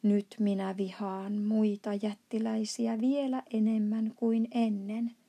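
A woman voicing a kind, gentle male giant with broken grammar in a storybook reading, soft and fond with sudden outbursts. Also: medium pitch, level tone, creaky. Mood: fond, indignant.

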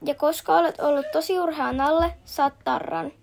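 A woman reading out the part of a kind male bear doctor in a children's picture book, explaining gently and patiently. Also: high voice, fairly even intonation, creaky. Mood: friendly.

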